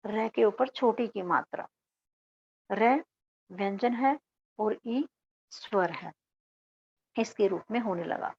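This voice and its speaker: Slow, gravelly Hindi teacher, woman. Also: medium pitch, darkish tone, a little hiss or hum. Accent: Haryanvi-tinged Hindi. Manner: explains step by step, asks and answers own questions. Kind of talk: classroom grammar lesson. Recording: dull lo-fi recording.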